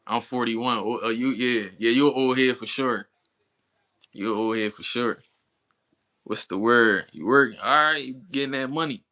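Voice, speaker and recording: Speaking at a normal speed in a bright, forceful, mid-range voice, a livestream boxing commentator in his thirties hangs out with his chat viewers. He keeps things relaxed and slangy, with frequent laughter.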